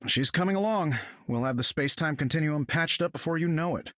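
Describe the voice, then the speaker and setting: A man's voice: a little high, a little fast, a bit bright, no room sound, studio quality, lightly acted. A man voicing a confident, wisecracking inventor superhero in a video game, wry and casual. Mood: breezy, confident. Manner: wry, casual, self-assured. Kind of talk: video game character acting.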